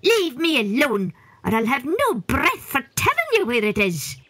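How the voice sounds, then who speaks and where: A woman's voice: high-pitched, wildly swooping pitch, unhurried, fairly bright tone, dry recording, pitched above the performer's own voice, full character voice. A woman voicing a sly little old male leprechaun, wheedling and tricky.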